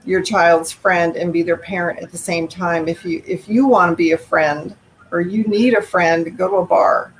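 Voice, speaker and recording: A woman's voice: on the low side, steady tone, normal speed, a little hiss or hum, low-quality recording. A middle-aged woman, an author taking questions in a live video interview, speaking frankly and with strong opinions. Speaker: author guest. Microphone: video call.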